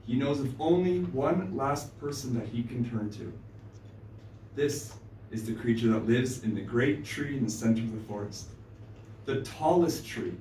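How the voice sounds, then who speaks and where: A man telling a myth aloud at a live storytelling night, with dramatic pauses and an expressive delivery. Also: mid-range voice, a little hiss or hum. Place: small live venue stage. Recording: roomy live stage, distant mic.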